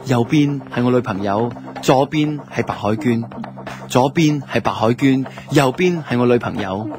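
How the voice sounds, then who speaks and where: Again in his role as a guilty, self-justifying cheating boyfriend, this Hong Kong Cantonese-accented lead actor narrates the radio drama in casual first person with a confessional mood. His mid-range voice moves at a moderate pace, close to an everyday voice, with music in the background.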